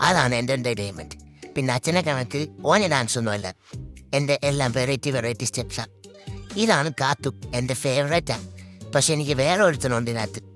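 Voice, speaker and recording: A man's voice: medium pitch, lively intonation, fairly quick, fairly bright tone, soft background music, natural voice. A man voicing the inner thoughts of a cheeky, scheming toddler boy, confiding mischievously to viewers in a comic voice-over.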